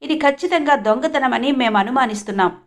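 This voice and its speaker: A woman's voice: sits high, brisk, natural voice. A woman reading as an arrogant bank manager. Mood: demanding. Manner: demanding, accusing. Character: arrogant male bank manager, loud and suspicious.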